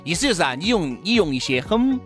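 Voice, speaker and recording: A man's voice: sits high, sing-song, fast talker, soft background music. A man with a Sichuanese accent co-hosting a comic chat show in a playful, bantering way. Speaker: co-host.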